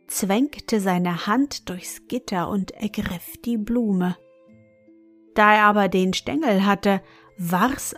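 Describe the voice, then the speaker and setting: A woman reading a fairy tale aloud in a measured, softly dramatic way. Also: medium pitch. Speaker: storyteller.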